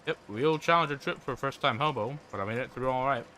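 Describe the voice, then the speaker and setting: A man's voice: mid-range voice, quick pace, pushed and bright, slight background noise, pitched above the performer's own voice, close to an everyday voice. A man reading out a cheerful folksy hobo. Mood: chatty. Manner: folksy, easygoing drawl, rural turns of phrase.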